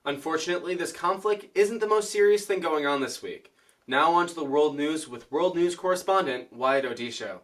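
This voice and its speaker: A man's voice: fairly high pitch, moderate pace, fairly bright tone. A young man anchoring a scripted news show in an earnest, formal way.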